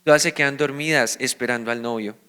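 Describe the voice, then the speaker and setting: A man's voice: medium pitch, quick pace, sharp tone, smooth. A man with a Colombian accent preaching a sermon as a pastor, explaining scripture and asking his listeners questions that he then answers himself. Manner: teaching, asks the congregation questions and answers them.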